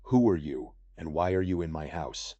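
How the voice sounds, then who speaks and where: A man voicing a confused old woman shouting. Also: sits low, expressive, normal speed, dry recording, muffled recording. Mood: alarmed. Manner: loud, frightened shouting.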